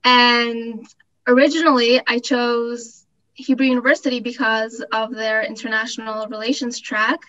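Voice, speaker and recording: A Costa Rican graduate student in her twenties gives an informal, enthusiastic testimonial at an online information session. Her fairly high voice is bright and forceful, though the audio sounds dull.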